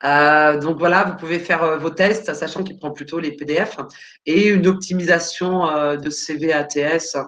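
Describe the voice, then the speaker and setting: A woman's voice: low-pitched, steady tone, moderate pace, fairly bright tone. A woman career coach answering questions live on a video call, hesitant and full of fillers while searching her files.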